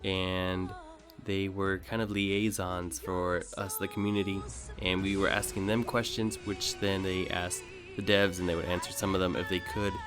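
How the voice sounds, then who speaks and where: Recorded as voice-over on gameplay, this gaming host talks in a low-pitched, level voice at moderate pace. He rambles hesitantly and casually, thinking out loud, with music running under his words.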